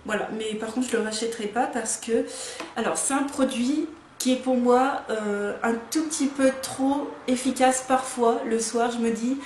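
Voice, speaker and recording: A frank, talkative woman around thirty gives her casual verdict on beauty products, pausing often with "euh" and starting sentences over. Her voice sits a little high for a woman. It comes through a camera mic in an echoey room with a faint hiss of ambience underneath. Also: fairly even intonation, darkish tone. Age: 30s. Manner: chatty, frank, many fillers and restarts. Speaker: beauty vlogger.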